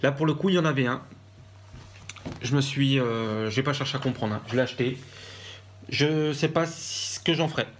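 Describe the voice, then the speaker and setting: A man from France with a French accent, chatting casually in a craft haul vlog and pausing often with fillers and restarts. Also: medium pitch, slight background noise. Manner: hesitant, many fillers and restarts. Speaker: vlogger.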